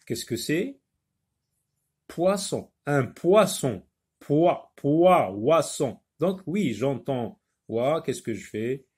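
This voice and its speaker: A man teaching a phonics lesson, repeating words slowly and patiently, sometimes explaining in Arabic. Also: medium pitch, very animated, a little mellow, slightly rough. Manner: switches briefly into Arabic to explain. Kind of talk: primary school phonics lesson.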